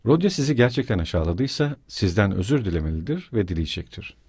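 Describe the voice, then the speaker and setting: A man's voice: on the low side, big pitch swings, darkish tone, husky, no room sound, studio quality. A man reading the lines of a proud young woman, speaking coldly and firmly. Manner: cold, firm, measured.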